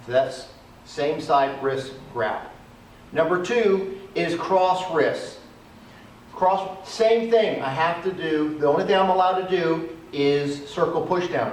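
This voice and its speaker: Demonstrating self-defense techniques on an outdoor cement area, a male instructor explains each step in a fairly high voice. The camera sits at a distance, so the sound is echoey, with a slight hiss or hum.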